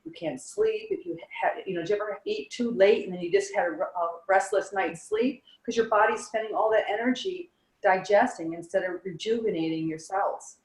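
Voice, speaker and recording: An eager woman sharing everyday wellness advice as a yoga and fitness instructor. She talks in a lively, encouraging way and leans hard on the words she wants to stress. Her voice sits at an ordinary pitch and rings a little in a roomy space. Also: normal speed. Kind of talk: casual advice interview. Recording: roomy echo.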